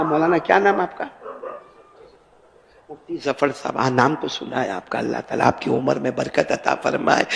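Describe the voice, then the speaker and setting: An older man preaches a sermon to a mosque gathering. His voice sits high and gravelly, and the long reverb of a large hall trails after it. He tells his stories by surging into high, impassioned calls, then dropping into quiet asides. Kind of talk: emotional Islamic sermon.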